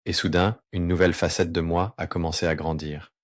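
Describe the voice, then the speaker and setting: A man whose voice is pitched down very deep to disguise it, earnestly and remorsefully telling his personal testimony. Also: flat delivery, no room sound, clean studio sound. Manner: earnest, remorseful, with pauses and slow stretches. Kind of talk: confessional first-person testimony.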